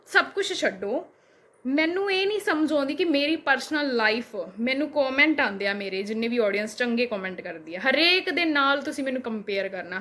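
A young adult woman vlogger with a Punjabi accent rants in a reply video, hitting back at a critic with one rhetorical question after another. Her voice sits high and sounds fairly bright.

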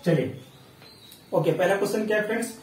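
A man teaching a reasoning class in a casual, coaxing way. He keeps asking the viewers questions, counts sums aloud in quick running tallies, and is still getting over an illness. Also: high-pitched, lively intonation, echoey room, far from the mic, poor audio. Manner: chatty and coaxing, asks questions and answers them himself. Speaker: online exam tutor.

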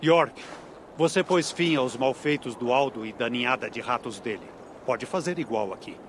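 A man's voice: medium pitch, moderate pace, slight background noise, lightly acted. Man playing a slurring, drunken old-world Viking warlord. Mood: drunken insistence. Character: proud, suspicious Viking warlord with a drunkard's slur. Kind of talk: dramatic video game dialogue.

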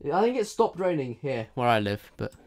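A man's voice: mid-range voice, big pitch swings, a little fast, a little mellow, no echo. A man streaming a driving game, reviewing players' driving with playful, teasing banter. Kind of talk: live game commentary.

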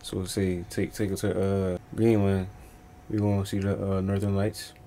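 A man's voice: deep voice, flat delivery, normal speed, warm tone, a little hiss or hum. A young man co-hosting a reaction video, chatting casually with loose slang, jokes and frequent restarts. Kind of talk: casual chat.

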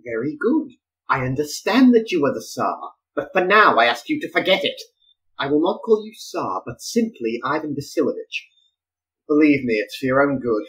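A man's voice: a little high, very animated, normal speed, a bit bright, low-quality recording. A man as a flustered eccentric inventor. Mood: placating. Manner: flustered, exclaiming, pleading.

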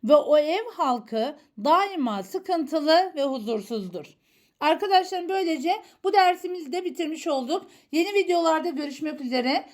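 A woman's voice: sits high, animated, normal speed. A woman teaching a Quran reading lesson, sounding out letters one at a time and correcting common mistakes. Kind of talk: slow, careful Quran alphabet lesson.

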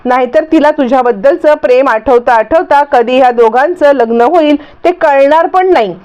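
A scheming, bossy middle-aged aunt, as a woman reads her out, scolds in a sharp, high voice. The recording is dull and lo-fi. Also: normal speed, close to an everyday voice.

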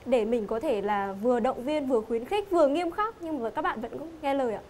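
A woman's voice: high voice, expressive, fairly quick, a little mellow, slight background noise. A young woman speaking politely and deferentially as a game show contestant. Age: young adult. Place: TV studio stage.

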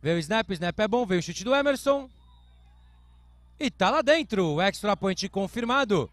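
Brazilian male sports commentator, high voice, clipped explanatory announcer phrasing, dry recording, live American football coverage. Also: lively intonation, normal speed, dry recording.

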